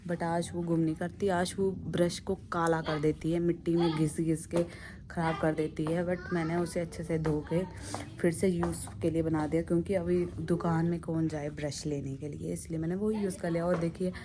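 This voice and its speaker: A young woman chatting casually to her phone for a vlog outdoors on a windy rooftop, her voice hoarse from a sore throat and a little short of breath, calling her viewers guys. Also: fairly low pitch, little pitch movement, normal speed. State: short of breath after stairs. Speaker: vlogger. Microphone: phone held by hand.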